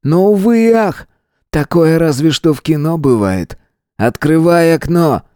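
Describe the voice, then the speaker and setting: A man's voice: fairly high pitch, lively intonation, a little slow, darkish tone, dry recording, studio quality, voice pushed up. A man voicing a sneering gunman barking orders. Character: menacing armed man, cold and contemptuous.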